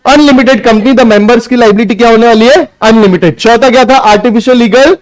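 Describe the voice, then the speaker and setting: A man teaching a live online law class, talking loudly, mixing Hindi with legal lines and firing quick questions that he answers himself. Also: very high voice, poor audio. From India. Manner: loud, quizzes students and answers himself; mixes Hindi with read-out English lines.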